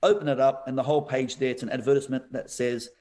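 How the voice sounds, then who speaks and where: Speaking quickly and with plenty of animation, this pastor shares a story during a podcast interview. His voice stays in the middle range, and he laughs often while addressing the listener as "bro."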